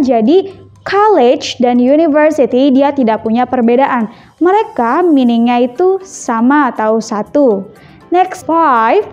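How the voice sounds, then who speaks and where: A woman English teacher from Indonesia gives a vocabulary lesson, mixing two languages and repeating words slowly for practice. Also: sits high, a little mellow, highs cut off.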